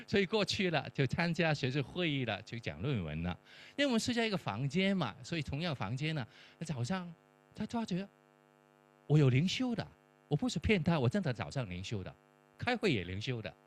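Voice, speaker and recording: Animated middle-aged man telling a story. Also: on the high side, a little fast. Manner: animated storyteller acting out dialogue. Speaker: professor and church mentor. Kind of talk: testimony-style storytelling. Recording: faint mains hum.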